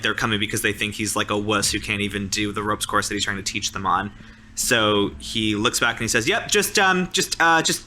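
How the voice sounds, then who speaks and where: A man improvises narration as a tabletop roleplaying game player, keeping it loose and informal with plenty of "like" and "sort of." His voice is fairly low yet sounds pushed and bright.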